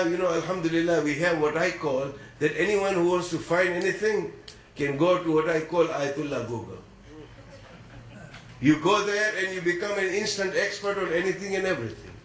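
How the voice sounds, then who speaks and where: Earnest preacher in an echoey room. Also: male voice, sits high. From East Africa. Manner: measured, earnest preaching with deliberate pauses. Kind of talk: religious sermon.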